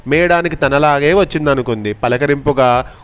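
A man reading a fable aloud in a slow, deliberate storytelling manner, then explaining its lesson to a child. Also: on the high side, a bit bright, clean tone, faint music behind.

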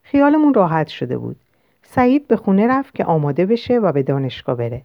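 A woman reading a novel aloud in the first person, in a measured, literary way. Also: fairly low pitch, big pitch swings, no room sound. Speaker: audiobook narrator. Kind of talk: first-person audiobook narration. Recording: dull lo-fi dry recording.

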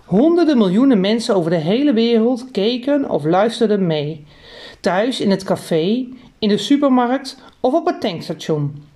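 Mellow woman reading a children's story. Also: on the high side, normal speed. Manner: lively, expressive reading. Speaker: narrator. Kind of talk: scripted storybook narration.

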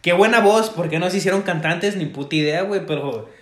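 A man's voice: sits high, brisk, a bit bright. A young man with a Mexican accent, telling crude, slangy stories on a casual podcast and laughing often. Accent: Mexican Spanish. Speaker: podcast co-host. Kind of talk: casual storytelling chat. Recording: echoey room.

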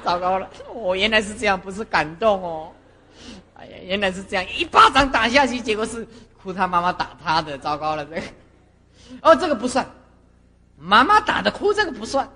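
A middle-aged woman, a Buddhist master lecturing monastic students and telling stories with lively acted-out scenes. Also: medium pitch, fairly quick. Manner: animated storyteller who acts out scenes. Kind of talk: doctrinal lecture with personal stories. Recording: reverberant lecture hall.

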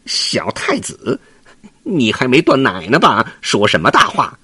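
A man's voice: mid-range voice, huge pitch swings, measured pace, bright, forceful tone, husky, no room sound, studio quality, pitched above the performer's own voice, exaggerated voice. A man voicing a boastful, mocking monkey king in a children's story. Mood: taunting. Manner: mocking, laughing, brash.

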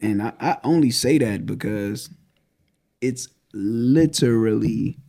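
A man's voice: mid-range voice, takes it slowly, vocal fry, dark tone. A man co-hosting a relationship podcast, speaking bluntly and plainly. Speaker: podcast co-host. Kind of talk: casual relationship talk.

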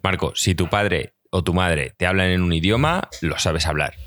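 A man's voice: deep voice, moderate pace, a bit bright. A man with a Spain Spanish accent, arguing emphatically and swearing a lot as a podcast co-host in heated casual chat.

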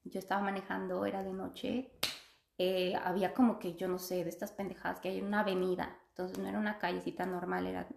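A woman's voice: fairly low pitch, level tone, quick pace, vocal fry, background noise. A young woman, a podcast guest, telling a personal story in casual, chatty conversation and laughing often. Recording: echoey room.

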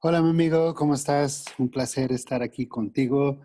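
A man's voice: medium pitch, steady tone, normal speed, mellow. A man from Texas speaking Spanish with English words mixed in, as a guest in a casual interview, tagging many sentences with "no?". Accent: Texan Spanish with English words. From Texas, United States. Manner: friendly, mixes English words, asks 'no?' often.

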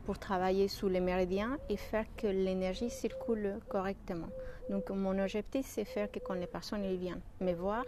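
A woman from Mexico speaking French with a Mexican Spanish accent, a shiatsu practitioner answering interview questions with many pauses and restarts. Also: medium pitch, noisy background. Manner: hesitant, many fillers and restarts.

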